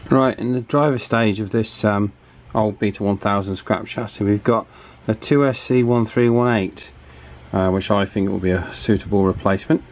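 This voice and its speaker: In a small office workshop, a hobbyist who presents electronics repairs walks through a casual hands-on fix, musing aloud and hesitating now and then. His voice is lowish and his speed normal. A table fan's wind is audible behind an otherwise clear recording.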